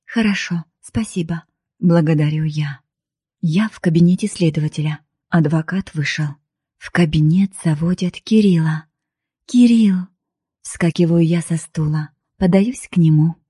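A woman narrates an emotional first-person audiobook in a heartfelt, pleading way. Her voice is somewhat low, dark and husky, recorded dry and close. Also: fairly even intonation, moderate pace, no room sound. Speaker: audiobook reader.

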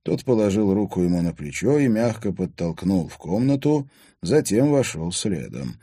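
Low-voiced male audiobook narrator. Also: normal speed, husky, no echo, clean studio sound. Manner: expressive storytelling. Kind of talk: scripted narration.

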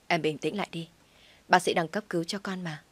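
A woman's voice: on the low side, fairly even intonation, a little fast, dry recording, lightly acted. Woman voicing a firm, protective young husband. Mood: consoling.

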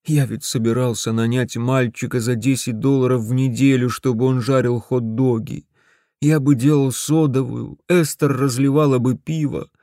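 A man's voice: medium pitch, fairly even intonation, normal speed, warm tone, no room sound, studio quality, close to an everyday voice. A man voicing a frantic middle-aged husband who runs a beach stand, pleading and whining in a desperate tone. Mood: fretful.

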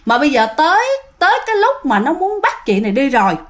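A woman with a Southern Vietnamese accent telling a ghost story in a chatty, drawn-out way, often addressing her listeners. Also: high voice, sing-song.

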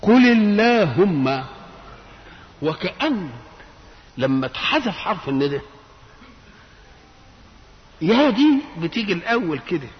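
High-voiced Egyptian man giving a Quran lecture. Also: sing-song, a little slow, pauses often. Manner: explains patiently, mixing Egyptian colloquial with classical recitation; voice rises sharply on emphatic points. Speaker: Quran commentator. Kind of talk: religious lecture explaining Quran verses. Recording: dull lo-fi archive tape with faint hiss.

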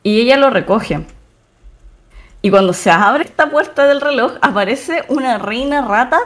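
A young Chilean woman co-hosting a podcast, recapping a film in a slangy, animated way with quick asides. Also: a little high. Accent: Chilean Spanish. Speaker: podcast co-host. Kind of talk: casual chat.

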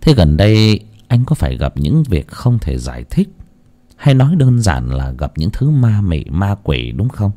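A man voicing a calm elderly Buddhist monk who speaks slowly and solemnly. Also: fairly low pitch. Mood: probing. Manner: slow, measured, solemn chanting tone.

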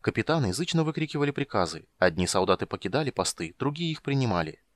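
A man narrating a fantasy audiobook in a steady, measured storytelling manner. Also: mid-range voice, no echo.

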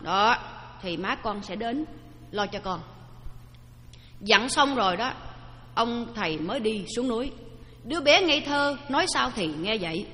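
A woman giving a storytelling dharma talk, lively and asking the audience questions. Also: a little high, measured pace, long pauses. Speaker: Buddhist dharma teacher. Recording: long hall reverb.

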